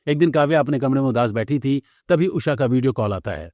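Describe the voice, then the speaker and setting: A man's voice: mid-range voice, fast talker, a little mellow, no echo, studio quality. Man narrating a cartoon story.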